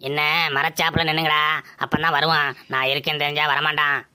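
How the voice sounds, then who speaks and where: An actor playing a bossy, gruff village landlord who scolds his workers. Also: medium pitch, level tone, quick pace, sharp tone, no echo, clean studio sound. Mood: scheming. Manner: scolding, commanding. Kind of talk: village comedy skit.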